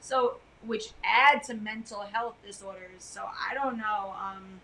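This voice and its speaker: Loud, bright-voiced chatty woman. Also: medium pitch, fairly even intonation, a little slow, vocal fry, poor audio. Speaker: podcast co-host. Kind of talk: casual chat. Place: living room couch.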